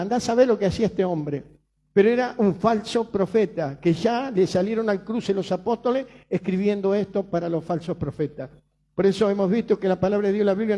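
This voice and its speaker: High-voiced Rioplatense preacher. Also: male voice, warm tone. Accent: Rioplatense Spanish. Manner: emphatic preaching, repeats phrases, rhetorical questions. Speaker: pastor. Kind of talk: sermon.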